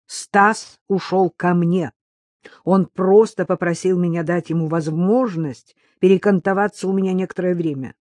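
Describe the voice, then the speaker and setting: A woman's voice: on the low side, steady tone, moderate pace, a little mellow, dry recording, close to an everyday voice. A woman reading aloud, voicing an offended young woman who defends herself resentfully and insistently.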